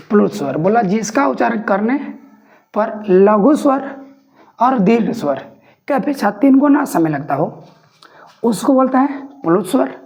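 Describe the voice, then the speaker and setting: A woman teaching grammar, dictating notes slowly and repeating each phrase for students to write down. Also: mid-range voice, a little mellow. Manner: slow, repeats phrases word by word for note-taking. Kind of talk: dictation-style classroom lesson.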